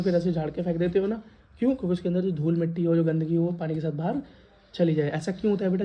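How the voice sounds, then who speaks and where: Male lecturer, Western Uttar Pradesh Hindi accent, brisk classroom delivery with questions to pupils, muffled lo-fi sound. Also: high-pitched. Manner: addresses students as beta, asks and repeats questions. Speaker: teacher.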